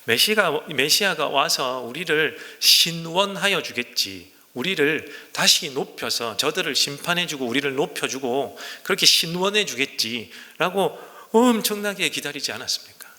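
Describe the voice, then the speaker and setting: A male pastor preaching a sermon, animated and emphatic, asking the congregation rhetorical questions. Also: fairly high pitch, moderate pace, few pauses. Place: church sanctuary. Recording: long reverb of a church hall.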